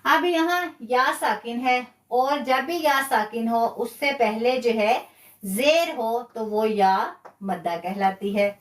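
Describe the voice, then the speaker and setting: A woman's voice: fairly high pitch, echoey room, recorded from a distance. A woman teaching Quran recitation rules in a live online lesson, explaining patiently and repeating key words. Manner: slow, patient explaining with repetition.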